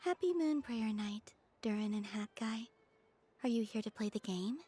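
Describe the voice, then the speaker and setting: An actress playing a serene, softly spoken, gently curious young festival visitor in a video game. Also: female voice, on the high side, expressive, normal speed, breathy edge. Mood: polite. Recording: background music.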